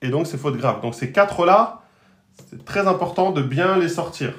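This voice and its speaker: A man's voice: on the high side, lively intonation, moderate pace, a bit bright. A man teaching an online lesson on Arabic letters, patiently repeating and drilling each pronunciation. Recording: roomy echo.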